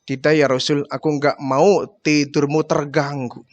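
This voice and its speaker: A male preacher voicing a loyal male companion who answers in soft, deferential and subdued replies. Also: a little high, flat delivery, unhurried, highs cut off, voice pushed down, lightly acted. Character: loyal male companion, humble, in pain, quietly devoted.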